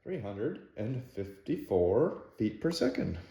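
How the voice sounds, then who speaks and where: Man reading numbers in a half-robot monotone. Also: lowish voice, slow, gravelly, reverberant, dull audio. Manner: rambling, with fillers and chuckles. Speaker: paintball gear reviewer. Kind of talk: casual product test vlog.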